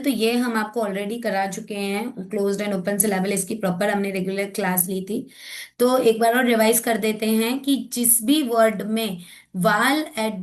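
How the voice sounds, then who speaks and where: Woman explaining spelling rules slowly. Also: mid-range voice, a little mellow. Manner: switches between Hindi and English, explains step by step, self-corrects. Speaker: teacher trainer. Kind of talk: spoken lesson for teachers.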